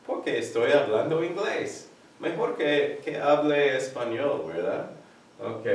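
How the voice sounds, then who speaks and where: A male teacher talks through verb conjugations at a slow, deliberate pace, spelling out each form in turn. His voice is heavily echoey and sits back from the microphone, as if recorded across a bare room. He moves between Spanish and English as he explains. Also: medium pitch, distant mic. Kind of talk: recorded grammar lesson.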